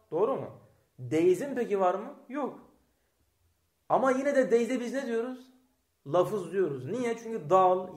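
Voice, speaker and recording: A man teaching Arabic grammar to a class, reading Arabic text aloud, explaining it and asking students rhetorical questions. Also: high-pitched. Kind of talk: classroom lesson. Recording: echoey room.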